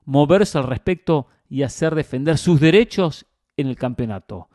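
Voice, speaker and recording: A man's voice: a little high, expressive, moderate pace, warm tone, no room sound, clean studio sound. A man giving opinionated football commentary as a host, emphatic and fond of rhetorical questions and repetition.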